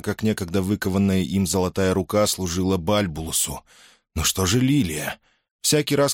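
Male audiobook narrator, deep-set voice, dry booth sound. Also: no room sound. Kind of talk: scripted narration.

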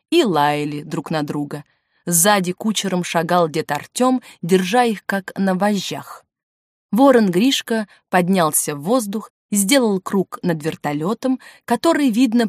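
A woman narrating an audiobook in an expressive storytelling manner, recorded in a studio. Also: on the low side, no echo. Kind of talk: scripted narration. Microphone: studio mic.

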